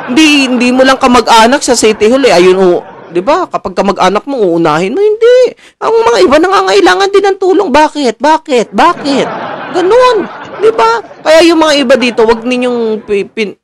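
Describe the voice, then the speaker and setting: A young man from the Philippines ranting to his viewers, animated and preachy, mocking officials and laughing between lines. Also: sits high. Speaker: political commentator. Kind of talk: casual ranting monologue to viewers.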